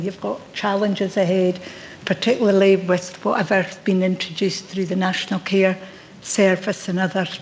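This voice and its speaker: A woman's voice: medium pitch, a little mellow, a little hiss or hum, rough recording. A middle-aged Scottish woman, an outgoing chief officer, giving a heartfelt, reflective farewell speech to a board in a council chamber.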